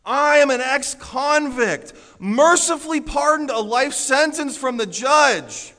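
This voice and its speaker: In a large, echoing hall, an American pastor from Orlando, Florida, delivers a sermon slowly in an extremely high, animated voice. Earnest and emphatic, he alternates forceful declarations with quieter stretches of storytelling.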